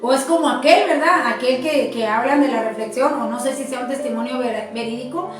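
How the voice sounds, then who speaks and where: A woman in a church talk, telling testimonies with animated storytelling and repeating words for emphasis. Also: high voice, brisk. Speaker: church speaker. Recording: echoey room, distant mic, soft music.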